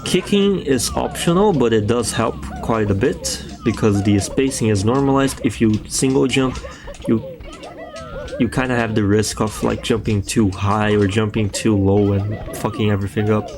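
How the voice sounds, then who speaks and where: With music playing beneath him, a young native Portuguese speaker from Brazil voices a laid-back speedrun tutorial in a Brazilian Portuguese accent. He speaks at a moderate pace in a fairly low voice, loosely, using plenty of fillers and swearing now and then.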